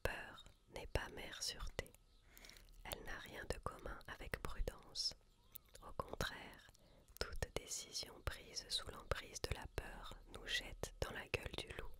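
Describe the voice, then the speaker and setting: A woman reading a book aloud in a soft, unvoiced library whisper, with slow, measured and deliberate phrasing. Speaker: reader.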